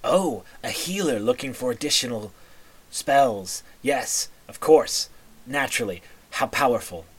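A man's voice: mid-range voice, expressive, a little slow, husky. A man voicing a shady, snide fish-faced potion seller in a tabletop game, with flowery, obsequious sales talk. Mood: sly, ingratiating. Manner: sly, obsequious salesman with flowery, formal phrasing. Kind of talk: tabletop role-play.

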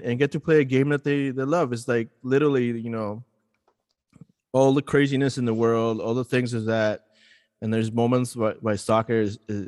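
Low voiced guy co-hosting a podcast, rambly and animated, dry close sound but some reverb trailing off. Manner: rambling, animated storyteller with many restarts. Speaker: podcast co-host. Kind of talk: casual podcast chat.

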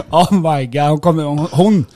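A man, co-hosting a casual podcast chat, telling stories in an animated way, acting out quoted lines and laughing often. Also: a little high, dry recording, clean studio sound. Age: 30s. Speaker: podcast co-host.

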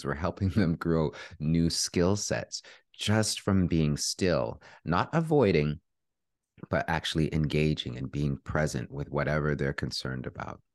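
A man as a parenting expert guest, explaining in a calm, measured way during an interview. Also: a bass voice, no echo, studio quality. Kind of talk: interview answers.

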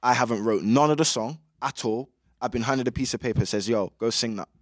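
A man's voice: mid-range voice, fast, dry recording, clean studio sound. A young man with a British urban roadman accent, giving his opinions in casual interview chat full of street slang. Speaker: music artist being interviewed.

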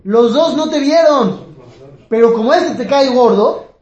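A man's voice: extremely high pitch, expressive, measured pace, a little mellow, highs cut off. A man, a rabbi giving a class who asks his listeners questions and acts out the people in his stories with humor. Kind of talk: Torah class lecture. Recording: echoey room.

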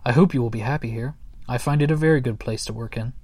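A man's voice: mid-range voice, quick pace, darkish tone, breathy edge, dry recording, lightly acted. A man voicing a kindly, polite father troll who speaks in a courteous, mild way.

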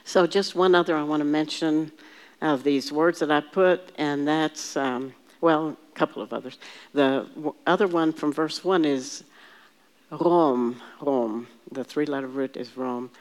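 A woman's voice: low voice, a little slow. Woman teaching bible study, patient, lots of restarts, has the class repeat words. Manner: patient, explains word by word, leads the group in repeating terms; thinks aloud with frequent restarts and fillers.

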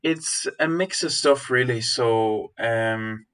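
A man's voice: medium pitch, slow, fairly bright tone. A young man from Galway with a west of Ireland accent, answering interview questions as a student guest in a hesitant, informal way. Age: young adult.

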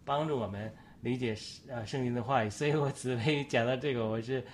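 A man's voice: medium pitch, a little fast, slight background noise. Preacherly male talk show host. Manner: explains at length, citing scripture like a preacher.

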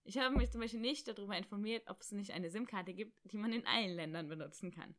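A young woman casually telling a story about her travels, animated and acting out bits of dialogue. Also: mid-range voice, fast. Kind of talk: casual chat.

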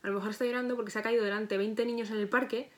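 A woman's voice: a little high, steady tone, very fast. A young woman, a psychologist chatting as a podcast guest in a reflective, self-correcting way. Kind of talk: casual podcast interview.

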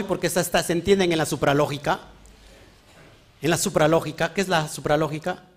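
Male preacher, high voice, animated delivery, checks in with the congregation often. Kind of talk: sermon teaching.

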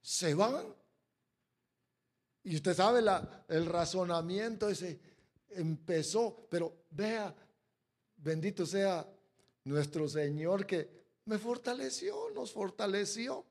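A man preaching a sermon who swings from quiet asides to shouted peaks and acts out quoted voices. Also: high-pitched, lively intonation, slow pace, long pauses. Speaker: pastor.

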